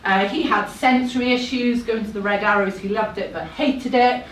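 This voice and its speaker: A woman's voice: a little high, fairly even intonation, moderate pace, slight background noise. A woman in her thirties telling a personal story to a live audience, chatty and a little nervous, with self-deprecating asides. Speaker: speaker at a live talk event. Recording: echoey room, voice heard from a distance.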